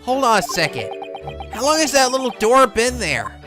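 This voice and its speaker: Casual let's play host: joking, medium-pitched, very animated, over music. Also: normal speed. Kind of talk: casual joking game commentary and read-aloud.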